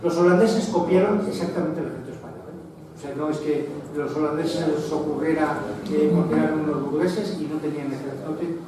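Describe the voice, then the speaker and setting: A man's voice: a little high, fairly even intonation, a little fast. A man giving a conversational public lecture with slides, digressive and full of restarts and asides. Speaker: lecturer on military history. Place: association meeting hall, indoors. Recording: echoey hall, distant mic, faint noise.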